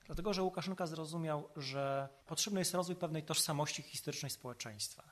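A man with a fairly high, slightly bright voice speaks as an expert commentator in an analytical podcast interview. He explains things in an articulate, measured way.

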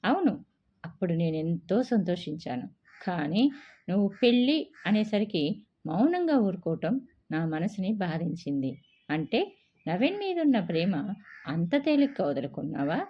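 A woman's voice: on the low side, big pitch swings, measured pace, pauses often, slightly rough, heavily acted. A woman voicing a hurt young suitor who speaks with reproach and sarcasm. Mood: reproachful. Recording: dull lo-fi recording.

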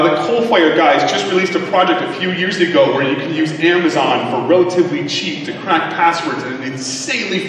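A man giving a conference talk to a live audience, joking and tossing quick asides to the crowd. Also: high-pitched, a bit bright. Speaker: conference speaker. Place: large conference hall. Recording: echoey hall from far off.

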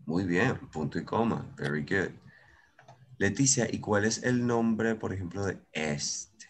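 A man's voice: low-pitched, lively intonation, takes it slowly, breathy edge. A man with a Venezuelan accent teaching English in an online class, switching between Spanish and English, patient and encouraging.

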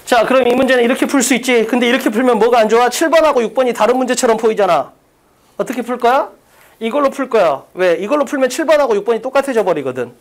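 A high-voiced woman teaching in a classroom, her pitch leaping around as she fires off question after question at her students. Her delivery is blunt and teasing, like a tough exam-prep lecturer drilling the class. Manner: blunt, teasing, occasionally crude. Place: classroom with blackboard.

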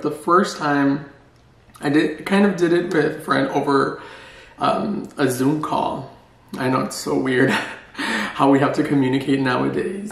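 A man's voice: fairly high pitch, gravelly. A man chatting playfully in a casual vlog and joking at his own expense. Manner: playful, chatty and self-mocking. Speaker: vlogger. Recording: roomy echo.

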